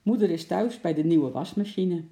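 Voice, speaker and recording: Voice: medium pitch, moderate pace, warm tone, close to an everyday voice. A reader voicing a cheerful small boy in a children's storybook, chirpy and short-spoken. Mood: blunt. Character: small boy, cheerful, speaks in vague answers. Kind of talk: storybook reading. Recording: echoey room.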